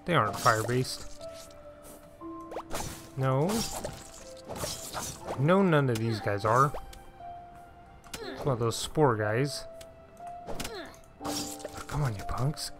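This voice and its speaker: A man's voice: medium pitch, lively intonation, slow pace, pauses often. Chatty man narrating his gameplay over music. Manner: chatty, talks to himself and his game pet, frustrated sighs. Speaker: let's play gamer. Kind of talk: casual gameplay commentary.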